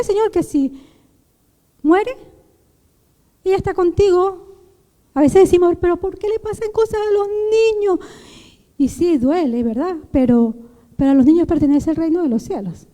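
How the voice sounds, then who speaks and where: A woman's voice: extremely high pitch, warm tone, in a large hall. A woman giving an emotional testimony in a sermon, retelling the story with many restarts, in a church. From Venezuela. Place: church sanctuary.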